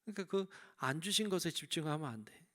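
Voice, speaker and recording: A man's voice: on the high side, expressive, fast, bright, forceful tone. A male senior pastor preaching a sermon in church, telling a story and asking the congregation questions.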